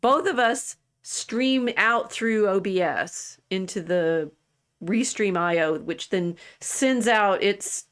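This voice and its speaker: In a slow, smooth voice of medium pitch with a bit of brightness, this sixty-something woman co-hosts a livestream. Her casual chat wanders, and she restarts her sentences often.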